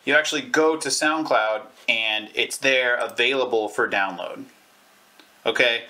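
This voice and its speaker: A man in his thirties presents a YouTube tutorial, giving a casual how-to explanation in an informal, stop-and-start manner while he demonstrates. His voice sits at a medium pitch with a sharp tone, picked up by a clip-on lavalier or camera mic.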